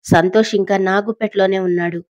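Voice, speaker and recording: A woman's voice: medium pitch, fairly even intonation, brisk, darkish tone, dry recording, natural voice. A woman voicing a proud cornered matriarch. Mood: tense. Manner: arrogant, angry, pleading. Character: proud powerful older woman, cornered and angry.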